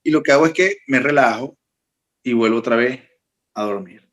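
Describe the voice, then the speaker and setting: A young man, co-host of a talk podcast, telling a personal story in a casual, animated way that builds in intensity. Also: medium pitch, moderate pace. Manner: animated, recounting with rising intensity.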